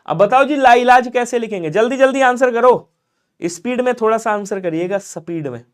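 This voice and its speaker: A man teaching Hindi grammar in a live online exam-prep class, coaxing and repeating points and pressing viewers to answer quickly. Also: very high-pitched, clear, resonant tone.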